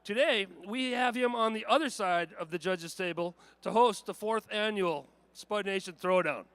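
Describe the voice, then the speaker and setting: Male announcer, very high voice, bright and sharp, dry close sound, scripted intro. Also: normal speed, smooth, no room sound. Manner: reads a prepared introduction. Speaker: event announcer.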